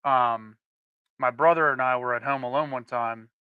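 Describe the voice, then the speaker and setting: A man's voice: medium pitch, fairly even intonation, moderate pace, clear, resonant tone, no echo, narrow, tinny audio. A man co-hosting a casual podcast chat, telling rambling stories with frequent restarts. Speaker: podcast co-host.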